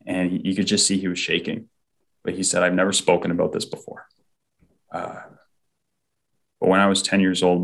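Low-voiced man telling a heartfelt story. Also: fairly bright tone. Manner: heartfelt, often acts out quoted speech. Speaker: guest sharing a faith story. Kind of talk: earnest personal storytelling.

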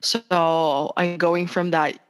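Filipino-born woman guest, softly low voice. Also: level tone, slow. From Philippines. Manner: thoughtful, explains at length with fillers. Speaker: podcast guest. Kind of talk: casual interview chat. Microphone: remote call mic.

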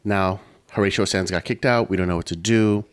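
Man, low-ish voice, casual, profane, movie recap, acts out lines. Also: brisk, clean tone. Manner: animated, swears, acts out characters' lines in shifting voices. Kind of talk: casual chat retelling a movie.

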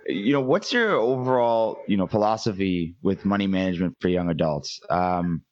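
A man's voice: low voice, expressive, moderate pace, a little mellow, dry recording. A young man hosting a podcast, asking questions in a hesitant way full of fillers. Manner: hesitant, filler-heavy phrasing. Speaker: podcast host. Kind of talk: interview questions. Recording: dry, dull lo-fi sound.

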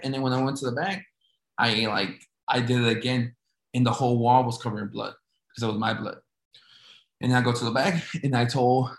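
A man telling a story casually, rambling with lots of restarts. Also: medium pitch. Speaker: storyteller recounting an injury. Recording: echoey room.

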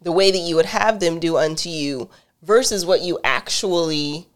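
A woman's voice: fairly low pitch, moderate pace. A middle-aged woman co-hosting a relationship talk show, speaking directly and telling stories with laughter. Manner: direct, animated storytelling with laughs. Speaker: podcast co-host. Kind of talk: casual couple conversation.

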